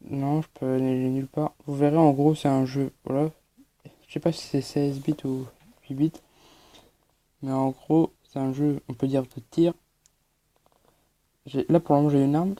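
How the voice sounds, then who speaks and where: A man's voice: mid-range voice, little pitch movement, moderate pace, long pauses, warm tone. A man giving hesitant, explanatory gameplay commentary as a channel host, with many fillers.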